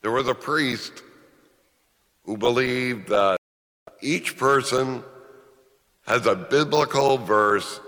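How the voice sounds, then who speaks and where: Slow-spoken priest in a cathedral-like echo. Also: male voice, mid-range voice, fairly bright tone. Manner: measured, deliberate phrasing with pauses and repetition. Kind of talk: Gospel reading and homily, slow and solemn. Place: large reverberant church. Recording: long reverberant cathedral-like church echo.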